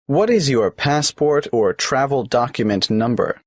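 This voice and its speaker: A man's voice: medium pitch, expressive, measured pace, dry recording, clean studio sound. An actor playing a polite, businesslike male tax office clerk who asks questions in a scripted exam dialogue.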